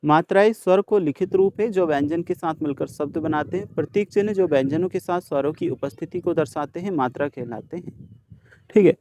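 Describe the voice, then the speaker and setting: A male teacher solving a worksheet for students, sounding out each letter slowly and speaking to the class directly. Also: on the high side, darkish tone, slight background noise. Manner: slow, deliberate sounding out of letters. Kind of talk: worksheet solution lesson.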